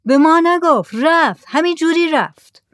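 A woman's voice: medium pitch, animated, dry recording, clean studio sound, close to an everyday voice. A woman voicing a village man who answers strangers and calls out from the shore, in a story reading. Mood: shouting. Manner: shouting back toward the sea. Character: village man Zakaria, brother of the absent mulla.

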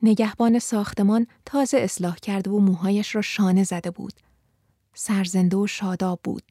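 A woman narrating an audiobook in a calm, measured reading voice. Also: mid-range voice, dry recording, clean studio sound. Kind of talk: audiobook storytelling.

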